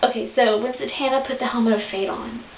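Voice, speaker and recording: Young woman, higher voice, eager fan reviewer, lo-fi phone-like sound with hiss. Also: fast. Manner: gushing, excitable, many fillers and restarts. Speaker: vlogger reviewing a cartoon episode. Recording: tinny lo-fi webcam audio in an echoey room with hiss.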